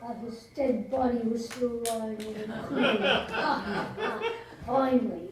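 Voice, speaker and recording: A woman's voice: a little high, takes it slowly. An actress playing a chatty, irreverent charwoman on stage, laughing often as she talks to a silent listener. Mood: gleeful. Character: chatty middle-aged charwoman, cheeky and irreverent. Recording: echoey stage sound from far off, faint hiss.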